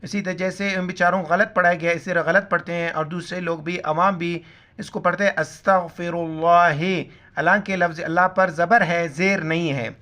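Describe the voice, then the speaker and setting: Bright-voiced man teaching Quran recitation. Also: high voice, fairly even intonation. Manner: drawn-out chanted recitation between quick explanations; spells out letters and vowel marks syllable by syllable. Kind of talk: pronunciation lesson with recitation.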